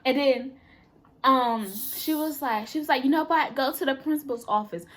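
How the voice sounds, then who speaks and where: Young woman telling animated school stories. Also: sits high, moderate pace. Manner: animated storytelling, acts out quoted people. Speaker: storyteller. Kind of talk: casual chat.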